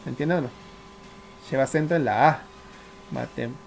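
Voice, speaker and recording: A man at a mid pitch, teaching a math class. He talks through each step methodically, poses questions and answers them himself, and keeps checking whether the students follow, with a faint hiss of noise behind him. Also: normal speed, creaky. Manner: works step by step, often checks understanding with the class. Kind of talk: classroom lecture.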